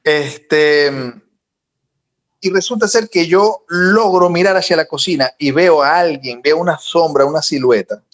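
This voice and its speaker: A young man, co-host of a talk podcast, telling a personal story in a casual, animated way that builds in intensity. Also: fairly high pitch, measured pace. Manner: animated, recounting with rising intensity.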